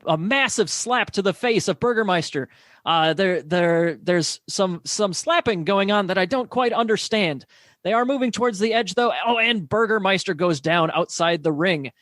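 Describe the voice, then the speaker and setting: A man doing mock play-by-play commentary, deadpan and full of hesitant fillers. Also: high voice, dry recording, studio quality. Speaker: play-by-play announcer.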